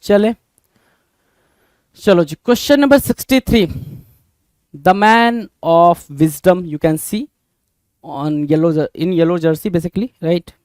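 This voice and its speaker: High-voiced man teaching vocabulary, dry close sound. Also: very slow, long pauses, a little mellow, clear, resonant tone, dry recording. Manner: repeats each question back to students, calls them "bhai". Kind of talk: exam-prep vocabulary lesson.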